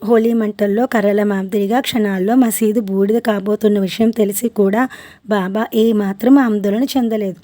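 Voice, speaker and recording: A woman narrating a devotional story in a steady, earnest storytelling read. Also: mid-range voice, normal speed.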